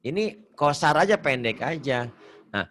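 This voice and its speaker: An animated man tutors tajwid over an online call, his pitch swinging widely as he jokes and questions. He chants short verses in between and circles back over his points with good humor. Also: moderate pace, slight background noise. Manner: joking, animated, repeats himself, sings recited verses. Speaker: Quran recitation teacher. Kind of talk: casual online tajwid lesson.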